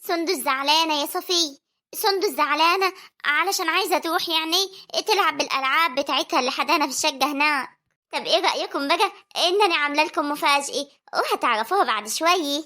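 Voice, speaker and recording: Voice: high-pitched, fast talker, sharp tone. A performer voicing a doting village aunt with an Egyptian accent, cheerful and teasing with the children. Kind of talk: homemade family drama voice acting.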